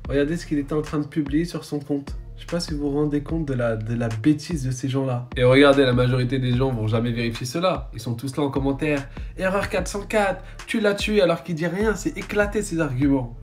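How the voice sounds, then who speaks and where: A man's voice: a little high, fairly quick, soft background music. A man giving an accusatory exposé monologue, insistently pointing things out to viewers. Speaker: influencer.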